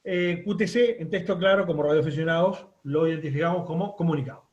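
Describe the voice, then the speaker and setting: A man's voice: a little high, fast talker, reverberant, lo-fi sound. A man teaching a radio course, explaining step by step with many fillers and restarts. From Uruguay. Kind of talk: online class lecture.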